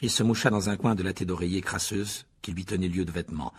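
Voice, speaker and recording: A man with a husky, breathy voice reads an audiobook. His pitch sits low and his telling stays steady. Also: quick pace. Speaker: narrator. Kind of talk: audiobook narration.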